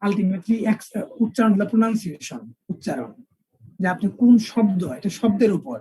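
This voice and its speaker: A male English teacher, lecturing an online class and spelling words out slowly with repeated examples. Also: high-pitched, animated, warm tone, husky, no room sound, low-quality recording.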